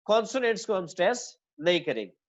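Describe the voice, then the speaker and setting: A male English teacher explaining word stress, saying each example word again and again, slowly drawing out the stressed syllables, and calling his listeners children. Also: sits high, sing-song, muffled recording. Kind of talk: classroom-style lesson.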